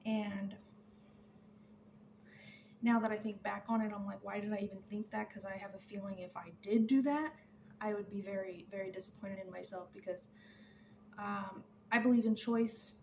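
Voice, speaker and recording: A young woman talking candidly to camera, rambling and trailing off softly, a little out of breath. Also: mid-range voice, steady tone, normal speed, pauses often, echoey room, a little hiss or hum. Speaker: vlogger. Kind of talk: casual chat to camera.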